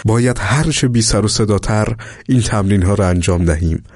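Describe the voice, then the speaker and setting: A man's voice: on the low side, darkish tone, no echo, clean studio sound. A man voicing an earnest male military commander giving instructions to his troops in a storybook reading.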